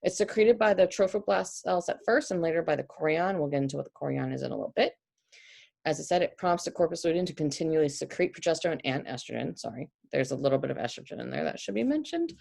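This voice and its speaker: A young woman with a New York accent lectures unscripted, stopping often to correct herself. Her voice sits low and has a gravelly, creaky edge. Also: darkish tone. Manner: explanatory, with frequent restarts and fillers. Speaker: teacher.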